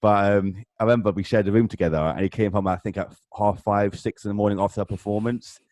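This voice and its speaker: A man's voice: on the low side, steady tone, fast talker, darkish tone, no echo. A man chatting casually on a video call podcast, telling stories with frequent laughs and fillers. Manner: laughing storyteller, lots of fillers. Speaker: podcast participant. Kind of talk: casual chat.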